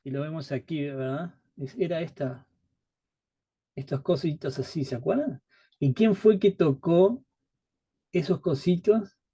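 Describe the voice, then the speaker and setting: Hombre dando estudio bíblico. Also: male voice, fairly high pitch, measured pace, long pauses, warm tone, husky, no room sound, studio quality. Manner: conversational, rhetorical questions, acts out quotes. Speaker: Bible study teacher. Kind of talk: live Bible study teaching.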